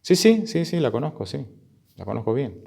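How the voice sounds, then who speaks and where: A man's voice: mid-range voice, sing-song, moderate pace, creaky, darkish tone, slightly rough, full character voice. A man with an Argentine accent voicing a blunt middle-aged bar owner in his sermon story, matter-of-fact and plain. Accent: Argentine Spanish.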